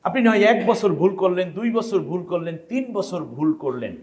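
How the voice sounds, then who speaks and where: A man's voice: high-pitched, big pitch swings, a little fast, a little mellow. A man from Bangladesh teaching Quran pronunciation to a class, asking the students questions and demonstrating how each letter should sound.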